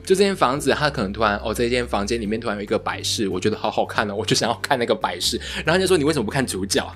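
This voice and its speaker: A man co-hosting a casual chat podcast, an animated storyteller who acts out what his friends said. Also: on the low side, racing, soft background music. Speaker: podcast co-host.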